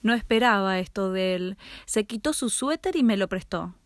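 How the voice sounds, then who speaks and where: A woman narrates a scripted first-person story with dramatic, expressive delivery. Her voice sits at a middle pitch, and the recording is dry and close with no room sound. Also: normal speed, no echo.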